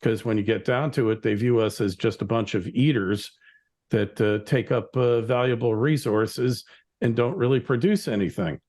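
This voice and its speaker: A man's voice: medium pitch, moderate pace, darkish tone. A middle-aged American man hosting an interview podcast, chatting in a rambling, opinionated way. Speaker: podcast host. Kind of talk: conversational interview.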